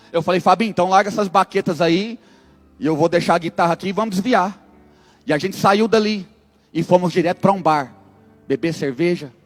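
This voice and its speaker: A man's voice: a little high, big-room sound. A man telling his testimony as a sermon, acting out dialogue with humorous asides. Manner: dramatic storyteller, acts out dialogue, humorous asides. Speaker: preacher giving testimony.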